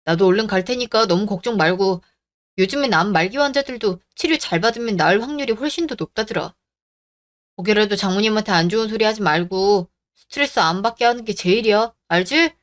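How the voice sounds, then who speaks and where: An actor playing a firm young husband in a radio drama, calmly reasoning and standing up for his wife. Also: high voice, a little fast. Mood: concerned. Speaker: husband and son.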